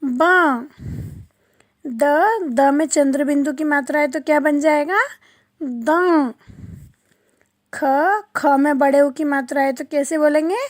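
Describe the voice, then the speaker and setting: A woman's voice: high voice, flat delivery, darkish tone, no echo, clean studio sound. A woman teaching young children a lesson, drawing out each syllable and asking questions she then answers herself. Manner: slow, drawn-out syllable-by-syllable pronunciation; asks the class questions and answers them herself. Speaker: primary school teacher. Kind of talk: online class lesson.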